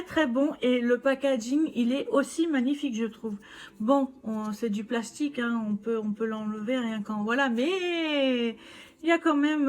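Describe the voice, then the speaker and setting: A woman chatting casually to camera about her shopping haul, full of fillers and restarts. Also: high voice. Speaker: vlogger showing shopping haul. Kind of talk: casual chat.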